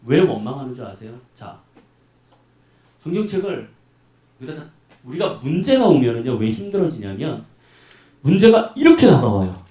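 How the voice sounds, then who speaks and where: A man preaching a sermon as pastor, in a lively, chatty way that acts out little scenes. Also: mid-range voice, moderate pace, long pauses. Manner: animated, colloquial preaching with acted-out voices. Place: church hall. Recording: echoey hall, mic from far off.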